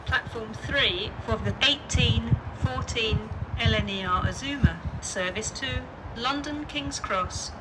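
Slow woman's train station PA announcement. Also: fairly high pitch, heavy background noise. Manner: slow, measured, evenly spaced words. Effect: train station public address announcement over loudspeakers. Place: railway station platform.

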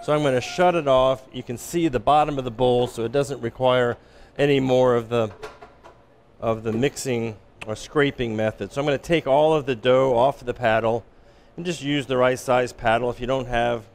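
A man working as a chef instructor, giving a relaxed, explanatory cooking demonstration in an instructional kitchen. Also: mid-range voice, normal speed. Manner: relaxed, explanatory, with frequent restarts.

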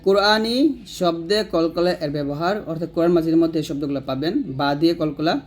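Male online tutor, high pitch, brisk explanations with slow, deliberate syllable drills. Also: fairly even intonation. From Bangladesh. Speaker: Quran reading teacher.

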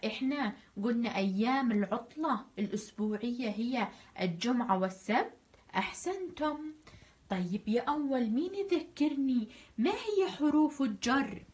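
A woman teacher with a Jordanian accent reviews grammar for first graders, praising them often and stretching out example words. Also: on the high side. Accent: Jordanian Arabic. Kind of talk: recorded online grammar review lesson.

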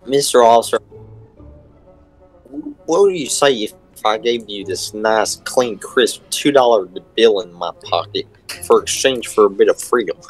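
A man's voice: lowish voice, lively intonation, normal speed, faint music behind, poor audio. A man playing a rowdy, goofy redneck, scheming and childlike, in an improvised video game role-play. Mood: sly, dim.

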